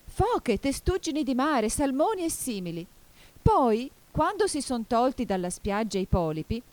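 A woman voicing a weepy, mournful sea-turtle creature in an audiobook that keeps bursting into shrill excitement. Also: unhurried. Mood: excited. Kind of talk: audiobook character voice.

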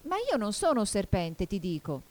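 A woman's voice: mid-range voice, sing-song, moderate pace, darkish tone, pitched above the performer's own voice. A woman voicing an earnest young girl in a storybook reading, exclaiming and protesting. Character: puzzled, earnest young girl in a fantasy world.

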